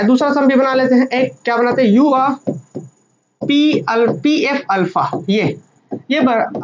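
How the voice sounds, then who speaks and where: Lady maths teacher, patient, goes over stuff twice, kinda high voice, dull lo-fi audio with faint hiss. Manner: patient, repeats points, mixes English terms into speech. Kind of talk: classroom lecture. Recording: dull lo-fi sound with faint noise.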